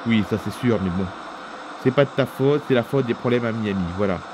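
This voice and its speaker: A man voicing an easygoing airline captain in a homemade toy-figure film, calmly reassuring a colleague in a rambling way. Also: medium pitch, fairly quick, background noise, pitched below the performer's own voice, close to an everyday voice.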